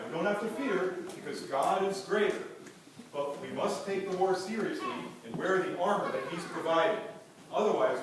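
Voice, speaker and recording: A man, playing a fatherly knight mentor in an amateur church play, speaks earnestly to two young princes. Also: high voice. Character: Sir Gavin, stern but kindly knight mentor. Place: church stage. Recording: echoey room from far off with noise.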